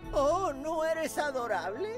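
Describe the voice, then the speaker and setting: Cartoon game granny: high, very old-man-like voice, Latin American accent, slow and sweet, over music. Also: big pitch swings, heavily acted. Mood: sweet, delighted. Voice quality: aged, sounds like a very old man. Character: sweet, very old woman with an old man's voice. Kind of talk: video game cartoon dub.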